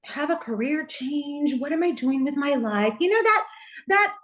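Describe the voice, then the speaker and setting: A middle-aged woman from Texas speaks as a pastor giving her testimony. Her voice sits high, and she tells the story in an earnest, heartfelt way, often dropping in "you know" as she goes. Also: sing-song, moderate pace, fairly bright tone, poor audio. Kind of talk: personal testimony in a conversational interview.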